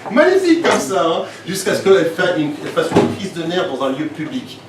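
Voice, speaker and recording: Stand-up comic, man, 40s, from Switzerland, quick asides, far mic in an echoey, noisy club. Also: fairly high pitch. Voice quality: lively, quick asides with laughs to the crowd. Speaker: stand-up comedian. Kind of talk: stand-up comedy set. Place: comedy club stage.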